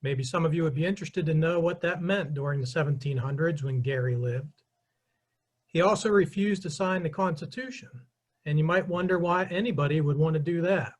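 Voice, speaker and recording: A middle-aged man giving a brisk history lecture with slides, addressing the audience directly and explaining clearly. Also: on the high side.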